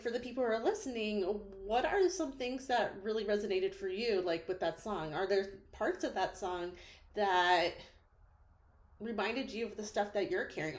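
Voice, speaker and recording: Thoughtful woman therapist in an echoey room. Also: medium pitch. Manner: thoughtful, gently questioning, frequent "like" fillers. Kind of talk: reflective solo talk to camera. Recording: roomy echo.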